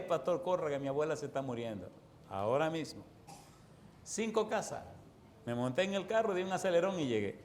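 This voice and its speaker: Animated pastor preaching. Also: male voice, a little high, a little hiss or hum. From Dominican Republic. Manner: lively storyteller acting out voices, laughing. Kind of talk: storytelling sermon.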